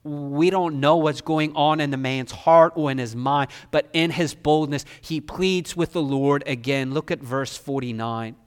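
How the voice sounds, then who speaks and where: Male preacher, high smooth voice, expository sermon delivery. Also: fairly even intonation, a little slow, few pauses. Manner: rising to emphatic pleading when voicing the official.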